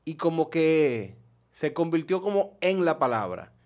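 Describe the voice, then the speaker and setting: A man's voice: fairly high pitch, very animated, a little slow, darkish tone. A man hosting a casual chat, telling funny stories with lots of laughter and acted-out voices. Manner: storytelling, laughs often, acts out voices. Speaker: podcast host.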